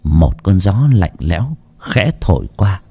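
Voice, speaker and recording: A man narrating a village ghost story in a hushed, dramatic manner. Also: low-pitched, sing-song, a little slow, vocal fry, a little hiss or hum.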